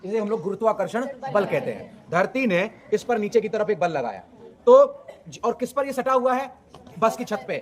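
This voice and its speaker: High-voiced man teaching physics. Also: moderate pace. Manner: asks questions and answers them himself; lively, emphatic explaining. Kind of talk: physics lesson.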